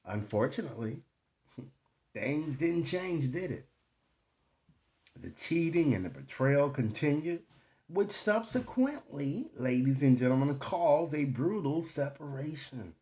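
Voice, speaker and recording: Over dull-sounding audio, an online tarot reader gives an improvised reading, his slightly high voice animated yet dark in tone. He speaks to his viewers haltingly and keeps tossing in brief tag questions to check in.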